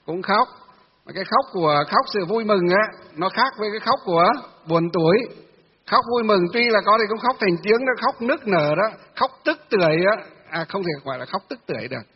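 A monk with a high, husky voice gives a sermon, asking questions and answering them himself, pausing often on filler sounds. The recording sounds dull and distant, with a long echo in a temple hall. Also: male voice. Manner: many filler sounds, halting delivery. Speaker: Buddhist monk teacher. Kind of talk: dharma talk.

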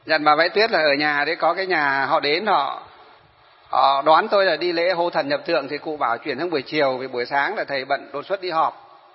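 A man's voice: on the high side, a little fast, husky. A man, a Buddhist monk telling a story in a sermon and asking his listeners questions. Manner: animated, addresses listeners with questions. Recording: dull reverberant hall.

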